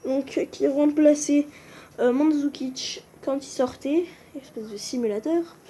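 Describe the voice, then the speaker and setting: A woman's voice: high-pitched, a little slow, warm tone, slight background noise. A woman giving casual commentary on a game video, hesitant and often stumbling over and correcting names. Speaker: gaming video creator. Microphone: phone screen recording.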